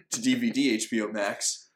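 A man's voice: medium pitch, fairly bright tone, slight background noise. A man co-hosting a casual podcast, blunt and profane, often restarting his sentences. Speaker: podcast co-host. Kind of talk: casual chat.

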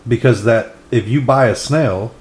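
A man co-hosting a podcast in casual chat, making dry deadpan quips. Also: medium pitch, measured pace, a crowd in the background. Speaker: podcast co-host. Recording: echoey room.

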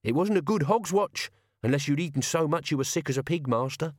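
A man's voice: on the high side, animated, brisk, no room sound, studio quality, pitched above the performer's own voice. A man voicing a crabby, coarse old male servant with blunt, slangy talk. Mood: reminiscing.

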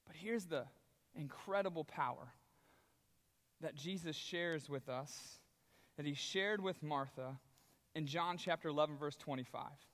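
A man preaching a sermon as a pastor, telling the story in a conversational, animated way. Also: fairly high pitch, measured pace, long pauses. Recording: long reverb of a large hall.

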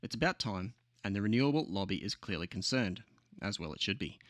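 An Australian man with a fairly low voice hosts a podcast in a very dry recording. His scripted narration is sardonic and opinionated. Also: lively intonation, fairly quick, fairly bright tone, no echo. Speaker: podcast host.

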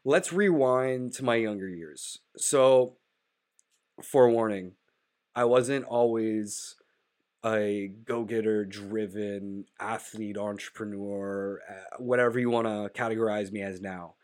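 A man's voice: lowish voice, steady tone, slow, darkish tone. Male podcast host, 30s, nasal from a cold, casual and reflective with lots of fillers. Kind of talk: solo podcast monologue with sponsor reads.

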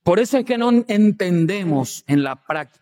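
Pastor guy preaching, kinda high voice, punchy emphasis then drops low and soft. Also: lively intonation, unhurried. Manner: emphatic preaching with rhetorical questions; swings between loud stresses and quiet low asides. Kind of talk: sermon.

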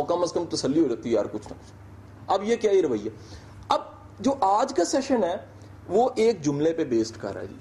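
A man's voice: on the high side, dark tone, a little hiss or hum. A man giving a conversational motivational lecture, acting out little dialogues to make his points. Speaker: motivational speaker.

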